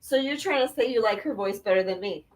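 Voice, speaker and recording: A woman co-hosting a casual chat, animated and teasing, who laughs often. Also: medium pitch, a little fast, rough recording. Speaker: co-host.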